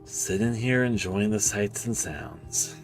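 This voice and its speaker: A man with a lowish voice commentates on a horror game at a very unhurried pace. He muses aloud in a playful, theatrical way, drawing out his phrases. Music plays clearly behind him. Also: animated. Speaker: video game streamer.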